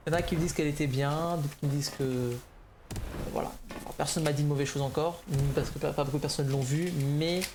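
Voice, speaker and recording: A man's voice: fairly high pitch, steady tone, fast talker. Hesitant young man rambling over background noise. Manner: hesitant, rambling, often restarting sentences; slightly nervous, neutral delivery. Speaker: gaming video creator updating viewers. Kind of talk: casual unscripted channel update. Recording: clear background noise, clicks.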